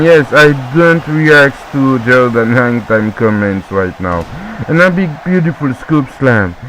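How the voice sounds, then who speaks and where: A man whose first language is French, doing excitable play-by-play wrestling commentary with jokey asides and repeated calls. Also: on the high side, slight background noise, rough recording.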